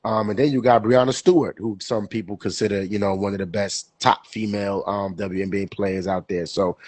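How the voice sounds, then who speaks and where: A young man with a cold co-hosts a sports podcast, his fairly low voice stuffy and husky. He rambles a little fast in loose, casual talk with fairly even intonation, repeating words and leaning on fillers, his tone a little mellow. The recording is dry and close with no echo or room sound.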